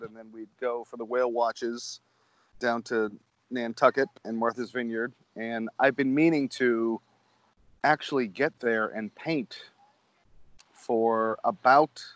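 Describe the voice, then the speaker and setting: A man's voice: medium pitch, no room sound, poor audio. A man from Connecticut with an American accent, interviewing in a casual, thoughtful and somewhat hesitant way. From Connecticut, United States.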